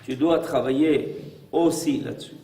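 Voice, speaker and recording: A man's voice: mid-range voice, a little slow, creaky, dark tone, a little hiss or hum. A man as a rabbi giving a religious lesson, emphatic and full of rhetorical questions. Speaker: rabbi teaching a class. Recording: echoey room, mic far off.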